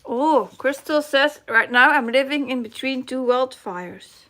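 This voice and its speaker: A cross-stitch live stream host, she is a middle-aged woman with a Dutch accent who reads out comments in a casual chat while reaching for English words. Her high voice is unhurried and comes across pushed and bright.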